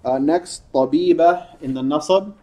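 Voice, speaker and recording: A man's voice: fairly high pitch, measured pace, dark tone. A man teaching a class, drilling words and patiently correcting and praising students. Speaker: Arabic teacher.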